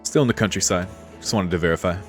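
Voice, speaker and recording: Over quiet background music, a deep-voiced man speeds through a visual novel stream. He blends narration read aloud with laid-back commentary, let's-play style.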